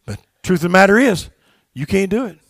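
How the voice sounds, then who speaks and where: A man preaching a sermon as pastor in a church, swinging from shouted exhortations to low, quiet asides and leading call-and-response with his congregation. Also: lively intonation, fairly quick, dry recording, studio quality. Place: church sanctuary.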